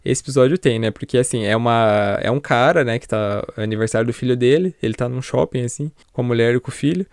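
A Brazilian man chatting on a podcast, retelling horror anime episodes with lively storytelling. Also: mid-range voice, quick pace, smooth, no echo, studio quality. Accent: Brazilian Portuguese. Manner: animated storytelling, acts out scenes with laughs. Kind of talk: casual chat reviewing an anime.

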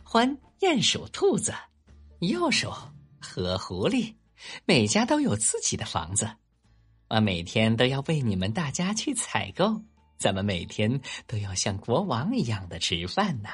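A man doing a grand, excitable storybook fox dad. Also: medium pitch, a little slow, husky, soft background music, full character voice. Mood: proud. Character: clever generous male fox father.

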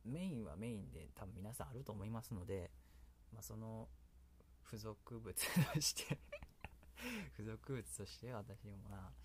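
A man's voice: lowish voice, sing-song, measured pace, pauses often. A man with a Kansai accent hosting a casual solo radio talk, rambling and often laughing at himself. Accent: Kansai Japanese. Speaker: solo radio host and creator.

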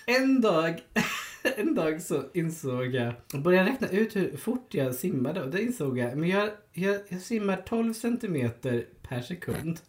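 Co-host, casual chat, dry absurd humor, very animated melody. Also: mid-range voice. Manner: playful, absurd deadpan jokes. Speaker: podcast co-host. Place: lives in Värmland.

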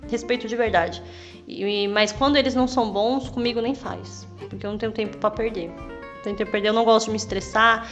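A woman's voice: fairly high pitch, steady tone, fast, fairly bright tone, muffled recording, faint music behind. A young woman veterinarian in casual chat, emphatic and outspoken, swearing freely. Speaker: veterinarian guest.

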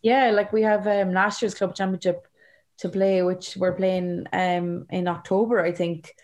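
A woman's voice: fairly low pitch, little pitch movement, unhurried, a little mellow. An Irish woman being interviewed as a sports player, chatting casually and leaning on "like" and "you know".

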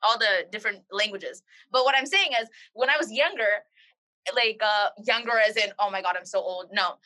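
A woman's voice: mid-range voice, normal speed, bright, forceful tone, low-quality recording. A young woman from India co-hosting a casual podcast, teasing her co-host with sarcastic comebacks.

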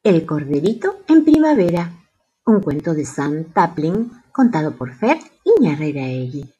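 A woman announcing the titles of children's stories in a slow, measured way. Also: low voice, very animated, dark tone, slightly rough, highs cut off.

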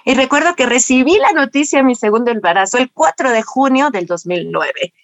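A middle-aged woman with a Mexican accent, telling a personal story in a lively, conversational way, often asking the audience rhetorical questions. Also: sits high, fairly quick, no room sound. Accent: Mexican Spanish. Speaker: speaker sharing personal story. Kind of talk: conversational talk.

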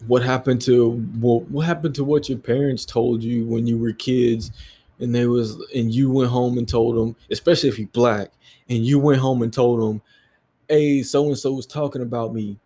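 Husky, blunt man ranting on a podcast. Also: mid-range voice, fairly even intonation, moderate pace, mellow. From United States. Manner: profane, blunt, ranting with laughs. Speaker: podcast host. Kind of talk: solo podcast rant.

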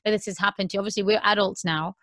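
A woman's voice: medium pitch, steady tone, fast, a bit bright, dry recording. Earnest woman in her thirties, dry sound. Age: 30s. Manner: earnest, repeats herself, many "um"s. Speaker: podcast host. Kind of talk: candid podcast conversation.

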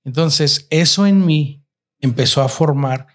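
A man's voice: fairly high pitch, a little slow. A middle-aged man telling his grown child a reflective story about his marriage, slipping English words into his talk. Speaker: father and husband, guest. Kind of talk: casual family conversation.

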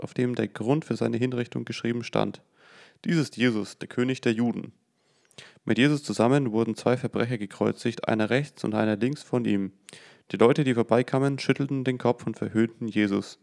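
A man reads scripture aloud at an even, unhurried pace, his voice carrying a gravelly fry. He keeps the reading plain and steady and fixes his own slips as he goes. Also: mid-range voice. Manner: steady plain reading with occasional self-corrections. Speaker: Bible reader.

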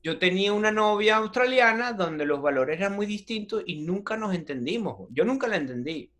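A Venezuelan comedian with a Venezuelan accent chats as a guest in a casual interview, his high voice animated, fairly quick, and a bit bright. He tells stories with lots of energy, using slang and frequently restarting his sentences.

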